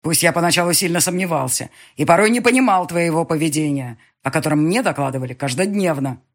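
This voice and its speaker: A woman's voice: low voice, lively intonation, fast talker. A woman voicing a stern dragon lord father. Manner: commanding, gruff.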